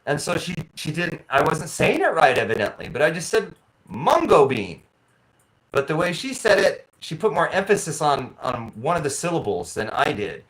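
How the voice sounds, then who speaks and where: Male vlogger, chatty rambling storyteller, animated delivery with acted-out dialogue, pitch a bit high. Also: moderate pace, low-quality recording. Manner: animated, acts out both sides of conversations with voices; rambling with frequent restarts. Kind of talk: casual storytelling monologue. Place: living abroad in a tropical city.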